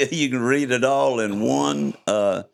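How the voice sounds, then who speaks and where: A man's voice: medium pitch, slow, gravelly. An older man, hosting a podcast and reading his own stories in a folksy, chuckling way. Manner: folksy, chuckling, playful delivery. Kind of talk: casual chat and storytelling read-aloud.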